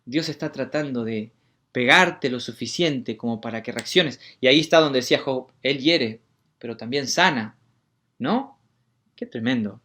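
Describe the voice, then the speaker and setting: A man preaching a sermon as pastor, firing rhetorical questions and talking straight to the congregation. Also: mid-range voice. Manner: swings between hushed asides and loud emphatic declarations; rhetorical questions, addresses listeners directly.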